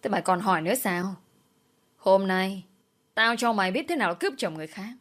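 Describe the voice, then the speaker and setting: A woman's voice: a bit bright, natural voice. A woman voicing a vicious older woman who hurls abuse, in a storybook reading. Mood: furious. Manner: shrill, fast, abusive.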